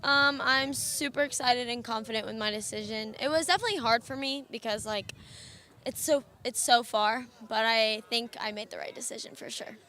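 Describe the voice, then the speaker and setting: Young woman athlete, late teens, bright sharp voice, casual interview answers. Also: fairly high pitch, moderate pace. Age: teens, nearly adult. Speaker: high school volleyball player being interviewed.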